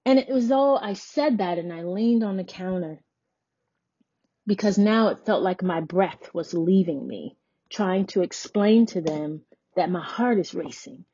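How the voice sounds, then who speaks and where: A woman's voice: lowish voice, expressive, unhurried, mellow, husky, dull audio. A woman hosting a podcast, earnestly and emphatically retelling a personal experience. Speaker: podcast host. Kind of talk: personal storytelling.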